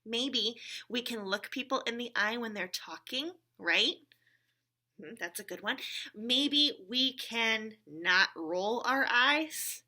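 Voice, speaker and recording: Slow and lively in intonation, this woman's voice runs on the high side and sounds pushed and bright. Leading a church story hour for young children, she talks to a puppet friend, keeping things simple and encouraging with plenty of check-in questions.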